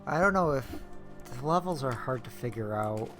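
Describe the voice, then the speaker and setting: Higher-voiced man casually streaming a game. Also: animated, normal speed. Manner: rambling, offhand asides. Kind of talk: casual gameplay commentary. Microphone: close streaming microphone. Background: game music.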